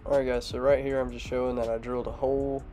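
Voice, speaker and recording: Speaking quickly in a medium-pitched voice, a young man with a congested nose narrates his home garage vlog. Music plays as he casually and plainly explains his truck project, peppering it with fillers.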